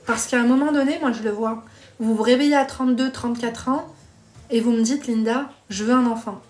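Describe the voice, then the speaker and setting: A woman's voice: fairly high pitch, steady tone, fairly quick, darkish tone. A woman hosting a live stream, chatting bluntly with viewers, reading their comments and giving dating advice while calling them pet names.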